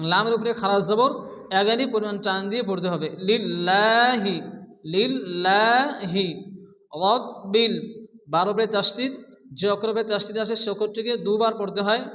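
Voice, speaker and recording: A man teaching Quran reading step by step, explaining each rule and then chanting the words slowly and drawn out. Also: sits high, bright, forceful tone. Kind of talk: step-by-step recitation lesson. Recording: long hall-like reverb.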